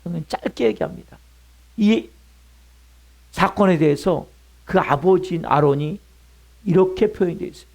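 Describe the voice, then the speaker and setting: A middle-aged male pastor preaching a sermon, pressing his point with rhetorical questions and sudden drops to a hush. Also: high voice, moderate pace, vocal fry, pauses often.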